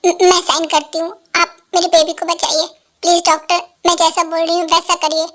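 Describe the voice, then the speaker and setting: Dying mother, urgent and begging, a woman dubs her in a very high pitch. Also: little pitch movement, brisk, fairly bright tone. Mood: desperate begging. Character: dying young mother, desperate. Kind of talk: Hindi fan dub.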